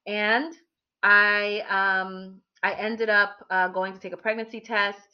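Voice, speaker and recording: A woman's voice: mid-range voice, flat delivery, slow. A woman candidly telling a personal story to her listeners, talking animatedly with many restarts and fillers. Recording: dull lo-fi recording.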